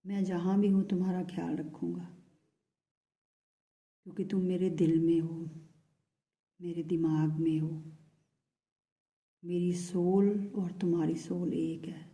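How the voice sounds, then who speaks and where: This is a channelled love message in which a woman voices a pleading, lovesick man in the first person. She speaks unhurriedly with frequent pauses, in a hushed, soft, very mellow and dark voice that holds flat and even, pitched low for a woman and often fading to a whisper, with a tender, pleading mood.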